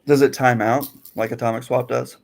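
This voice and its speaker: A man co-hosting a podcast, playful with quick reactions and quips. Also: mid-range voice, flat delivery, creaky. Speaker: podcast co-host. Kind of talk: casual podcast chat.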